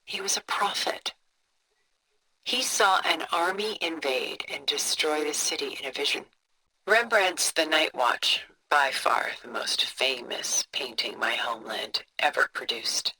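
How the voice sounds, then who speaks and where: Tilda, refined woman, bright voice. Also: low-pitched, lively intonation, a little hiss or hum, full character voice, low-quality recording. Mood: reflective, admiring. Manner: refined, measured, contemplative, soft breathy phrase endings. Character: cultured, composed older woman, wealthy art collector. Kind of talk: video game character dialogue, museum-guide storytelling.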